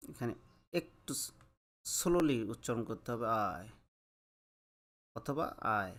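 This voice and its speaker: A man gives a pronunciation lesson at an unhurried pace, stretching each letter sound out with care. His voice sits at an ordinary middle pitch, and he often switches into English phrases as he explains. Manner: slow, deliberate, drawn-out letter sounds. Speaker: English teacher.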